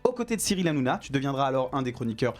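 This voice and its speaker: A man's voice: mid-range voice, big pitch swings, very fast. A man hosting a casual interview, introducing and questioning his guest in an informal conversational way. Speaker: talk show host.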